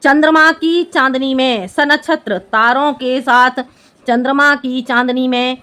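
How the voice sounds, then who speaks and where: A young woman teaching Hindi in a high, bright voice. She goes through a poem in a patient classroom style, explaining every line. She keeps checking with her students that they have followed. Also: steady tone, a little slow, clear, resonant tone.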